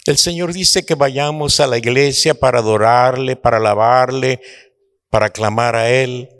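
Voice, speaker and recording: A man preaching a sermon to his congregation, slow and dramatic, rising to impassioned outbursts. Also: mid-range voice, fairly bright tone. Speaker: apostle, preacher.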